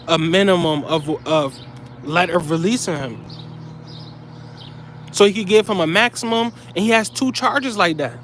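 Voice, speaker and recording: A man's voice: high voice, a bit bright, a little hiss or hum. A man delivering heated, profane commentary straight to his viewers, blunt and scolding.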